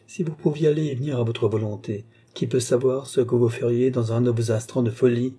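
A calm, commanding mystic man, as the reader puts him on. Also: medium pitch, slightly rough, lightly acted. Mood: measured. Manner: measured, gently menacing.

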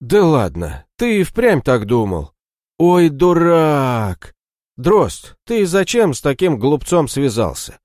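A man's voice: mid-range voice, wildly swooping pitch, measured pace, few pauses, darkish tone, no echo, clean studio sound, pitched above the performer's own voice. A man doing a scornful captive healer. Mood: mocking. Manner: taunting, scornful. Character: sly mocking captive male healer.

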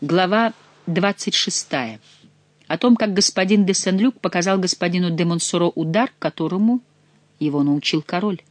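A woman narrating a classic novel as an audiobook in a measured storytelling manner. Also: on the low side, no room sound. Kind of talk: scripted narration.

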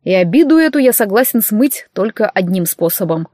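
A woman's voice: mid-range voice, lively intonation, fairly quick, warm tone, dry recording, clean studio sound, close to an everyday voice. A woman reading the lines of a cocky, teasing young man who jokes smugly. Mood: mock-offended. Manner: teasing, joking, smug.

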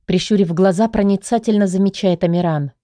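A woman's voice: mid-range voice, fairly quick, warm tone, dry recording, clean studio sound. A woman narrating a first-person romance audiobook, with a dramatic, emotionally charged reading.

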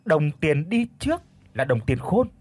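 A man's voice: sing-song, moderate pace, dry recording. A man voicing a pushy, nagging old wife of a rich villager who bosses her servants in an audio story. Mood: bossy. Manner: nagging, shrill, bossy.

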